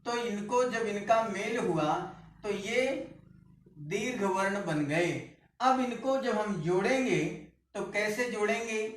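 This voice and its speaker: A male teacher walks through a grammar lesson at an unhurried pace, saying each word over as he writes it on the board. His voice sits back from the microphone in a strongly echoing room. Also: high voice, far from the mic. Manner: slow, repeats words while writing on a board; corrects himself mid-lesson. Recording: roomy echo, speaker away from the mic.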